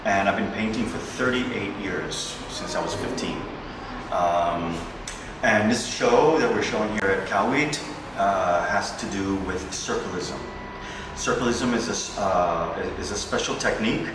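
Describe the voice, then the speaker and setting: A New York painter in his fifties walks visitors through his paintings in an indoor art gallery, speaking haltingly with many pauses and fillers. His voice is lowish. He's captured from a distance in the echoey gallery, with music and other background noise behind him.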